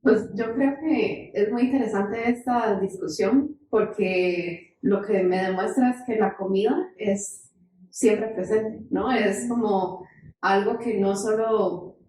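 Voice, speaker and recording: Female researcher, soft dark timbre, explanatory seminar talk, heard off-mic. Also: mid-range voice, slow pace, a little hiss or hum. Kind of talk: explanatory academic discussion. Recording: very echoey, distant microphone.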